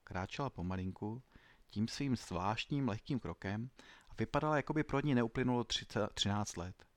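A man narrating a story in an even, clear storytelling manner. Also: lowish voice, no room sound. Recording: dry close studio sound.

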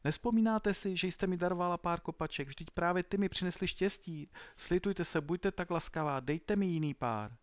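A man's voice: dry recording, close to an everyday voice. A man doing a desperate washed-up footballer. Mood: pleading. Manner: pleading, high and strained. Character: desperate washed-up male footballer, around thirty.

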